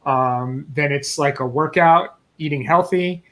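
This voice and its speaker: Upbeat forties male guest, slightly high voice, explaining his business on a video call. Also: measured pace, fairly bright tone. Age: 40s. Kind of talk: interview storytelling.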